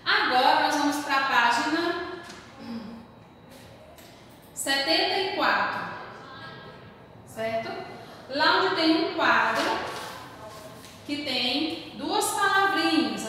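Brazilian woman, primary teacher; slow, careful dictation; distant, echoey, faint hiss. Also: sits high, sharp tone. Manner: slow, careful word-by-word dictation, stressing syllables; calls herself "tia" in the third person. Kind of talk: remote class lesson, correcting exercises.

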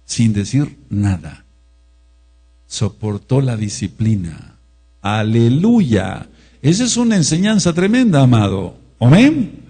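A man's voice: fairly low pitch, dark tone, breathy edge. A man preaching a sermon, emphatic, repeating phrases and leading the congregation to repeat after him. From Mexico.

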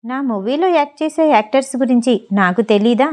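A woman's voice: on the high side, brisk, darkish tone, close to an everyday voice. A woman voicing a firm, reassuring male film director in an audiobook story.

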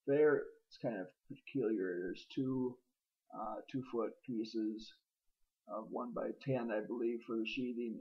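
This middle-aged man, a homesteader, speaks in a lowish voice while giving a casual tour of his old barn, recorded on a handheld camera outdoors and indoors. The highs are cut off in the recording, and his narration wanders, hesitant and packed with ums and uhs.

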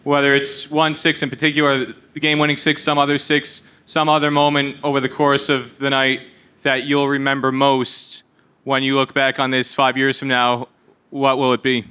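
A male reporter with a smooth, bright voice that stays level in pitch. He lays out a detailed, precise question at a press conference. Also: completely flat delivery, normal speed. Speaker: cricket reporter.

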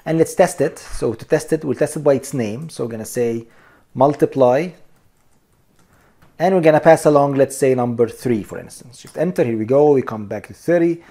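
A programming instructor with a mellow, mid-range voice talks at a moderate pace through a screen-recorded lesson. He explains every step, refers to viewers as "you guys," and drops in "okay?" and "here we go" as he goes.

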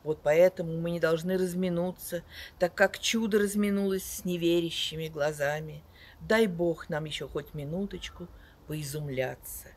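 An older woman reciting verse outdoors in a dramatic declamatory style, measured and expressive, swelling on key words and letting line endings fall. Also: fairly low pitch. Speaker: poet reciting another poet's verse. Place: outdoors in a leafy garden beside a wooden house and on wooded paths.

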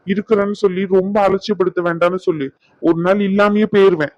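A man's voice: sits high, fairly even intonation, quick pace, no echo, lightly acted. A man doing an exasperated young husband. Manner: pleading, exasperated, complaining. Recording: dull lo-fi.

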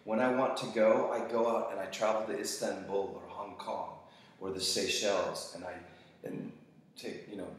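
A man's voice: fairly low pitch, moderate pace. A man teaching students, giving a casual, enthusiastic motivational talk about fitness and acting out voices as he goes. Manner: enthusiastic, animated, acts out voices when quoting. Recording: very echoey room.

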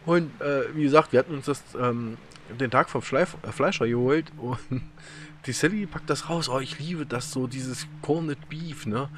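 A man's voice: mid-range voice, normal speed, a bit bright. Casting: German gamer guy, rambling chatty storyteller, mid-range voice, faint background hiss. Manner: rambling, chatty storytelling with many fillers and laughs. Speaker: gaming YouTuber. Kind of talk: casual let's-play commentary.

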